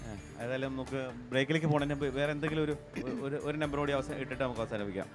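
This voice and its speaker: A man interviewing a young guest on a news channel, brisk and leading with his questions. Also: medium pitch, steady tone, music in the background. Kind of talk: broadcast interview.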